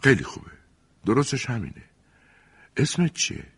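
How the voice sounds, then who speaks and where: A man voicing a mischievous schoolboy in an audiobook, hushed and teasing. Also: mid-range voice, very animated, gravelly, breathy edge, pitched above the performer's own voice, exaggerated voice. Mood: sly, teasing. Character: mischievous schoolboy, sly and boastful.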